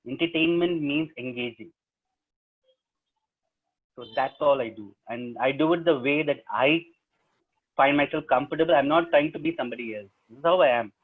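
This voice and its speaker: A man's voice: on the high side, moderate pace, long pauses, slightly rough. South Indian man, thin phone-like sound. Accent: South Indian English. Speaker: storyteller and stage performer. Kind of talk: webinar question-and-answer talk. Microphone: video call. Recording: narrow, phone-like online call audio.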